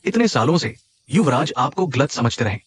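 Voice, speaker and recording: Earnest loyal aide, husky, lively pitch, dry recording. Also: male voice, normal speed, dry recording. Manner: earnest, explaining. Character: loyal older male aide, earnest advisor. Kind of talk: Hindi drama dubbing.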